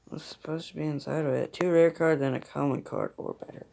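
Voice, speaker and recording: A man's voice: fairly high pitch, fairly even intonation, a little fast, vocal fry, darkish tone, slight background noise. A man giving casual gameplay commentary, talking to himself in a grumbling, sarcastic way. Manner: grumbling, sarcastic self-talk. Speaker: gamer.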